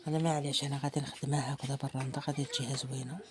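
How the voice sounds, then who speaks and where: A woman with a Moroccan Arabic accent talks quickly through an embroidery lesson in a relaxed, chatty way. She thinks aloud as she stitches and now and then drops into quiet murmurs to herself. A faint hum of room ambience sits behind her voice. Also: rumbling low. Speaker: embroidery teacher. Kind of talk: casual hands-on craft tutorial.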